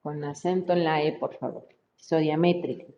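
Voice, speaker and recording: Slow, patient female biology teacher. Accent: Mexican Spanish. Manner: slow, explaining step by step, frequent checking "¿sí?". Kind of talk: online class lecture. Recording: muffled lo-fi mic with faint rumble.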